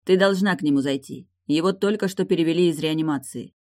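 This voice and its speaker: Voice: medium pitch, fast talker, darkish tone, natural voice. A reader voicing a caring man who urges his sister to visit her husband in an audiobook. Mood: encouraging. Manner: encouraging, urging. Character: man, caring, encouraging brother.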